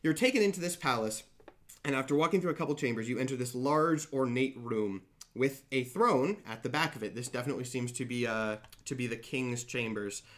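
A man narrating a tabletop game as game master, improvising in a casual, halting way. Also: mid-range voice.

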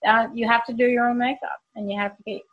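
A woman's voice: fairly high pitch, flat delivery, fast, lo-fi sound. A woman, an actress, chatting and laughing through her words on a video call. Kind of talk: casual video-call chat.

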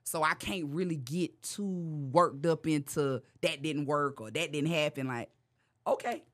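Speaking at a measured pace, a woman comedian guest spins stories during a relaxed interview. Frequent laughter and "you know what I mean" pepper her talk, and she slips into high-pitched voices whenever she quotes herself.

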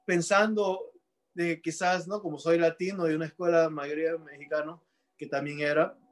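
Higher-voiced man from Peru telling his story. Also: flat delivery, moderate pace. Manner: mixes in English words, many restarts. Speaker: painter and interviewee. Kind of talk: reflective personal storytelling.

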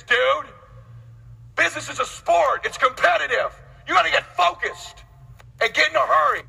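A man's voice: high voice, creaky, pushed and bright, breathy edge, in a large hall, rough recording. A man in his late forties giving a blunt, intense motivational speech on sales, swearing freely as he preaches. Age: 40s.

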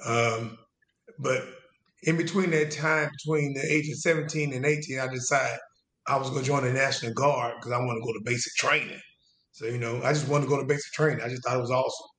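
A man, a guest telling his story in a loose, halting way with restarts and trailing phrases. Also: mid-range voice, steady tone, fairly bright tone. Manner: casual Southern US speech, drawn-out and halting with restarts. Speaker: interview guest, veteran. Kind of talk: conversational storytelling. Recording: roomy echo.

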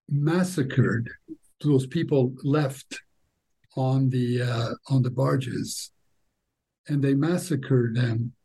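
An older man with a husky voice, recounting history haltingly, often repeating words as he searches for the next one. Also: medium pitch, dark tone, low-quality recording. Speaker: interviewee telling family war history. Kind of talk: spoken historical recollection.

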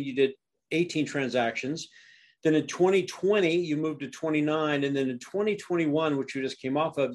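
A man hosting a podcast interview, enthusiastic and full of uhs as he talks. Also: medium pitch. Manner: enthusiastic, filler-heavy with many uhs. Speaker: podcast host. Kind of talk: casual interview.

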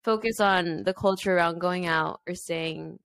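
A woman's voice: on the low side, normal speed, vocal fry, fairly bright tone, clean tone. A woman in her twenties hosting a podcast in a casual, chatty style. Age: 20s. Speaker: podcast host. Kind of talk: casual chat.

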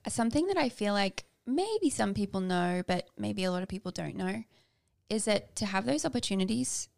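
A woman's voice: medium pitch, expressive, normal speed, gravelly, darkish tone. A young woman co-hosting a podcast, candidly telling personal stories in casual chat. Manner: candid, personal storytelling with fillers. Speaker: podcast co-host.

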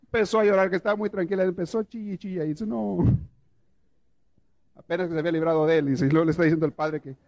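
A priest whose voice sits high delivers a rapid-fire prayer course to a live group, and the recording is muffled. He animatedly tells stories and asks his listeners questions.

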